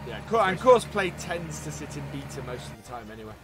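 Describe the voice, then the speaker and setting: Chatty male stream host, fairly high and bright voice, soft music underneath. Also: sing-song, quick pace. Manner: chatty, greets viewers by name between game remarks. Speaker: livestream host. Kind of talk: casual gameplay live commentary.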